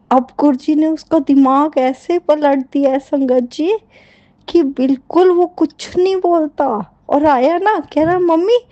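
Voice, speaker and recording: Fervent woman giving thanks, slow and high. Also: warm tone, dry recording, highs cut off. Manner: fervent, repeats thanks over and over. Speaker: devotee sharing a testimony. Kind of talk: devotional testimony.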